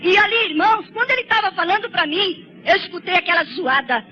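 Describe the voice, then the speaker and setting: A church sister gives a fervent, tearful testimony sermon, repeatedly addressing her listeners as brothers. Her very high voice has lively intonation and runs a little fast. The recording is slightly dull and lo-fi, with faint noise.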